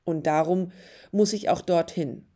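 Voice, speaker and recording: A woman's voice: on the low side, a little slow, warm tone, lightly acted. A woman voicing an earnest young male carpenter in a storybook reading. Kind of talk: storybook narration.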